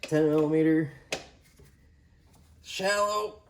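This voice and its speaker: A man giving a casual how-to walkthrough while working on a car engine, explaining each step in a plain, low-key way. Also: takes it slowly, slight background noise. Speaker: DIY car repair presenter.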